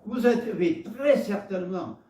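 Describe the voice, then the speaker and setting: A man with a Gascon French accent delivers a sermon in a fairly high voice, halting and repeating words as he slips into homely stories. He is picked up from some way off the microphone, and the church hall around him rings with echo. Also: lively intonation, far from the mic. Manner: halting, repeats words, warm storytelling asides. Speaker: preacher.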